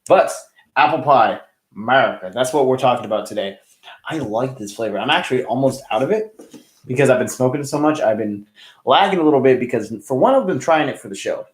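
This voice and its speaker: A man's voice: mid-range voice, lively intonation, brisk, roomy sound. A man hosting a casual hookah review livestream, chatting loosely and greeting viewers by name. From California.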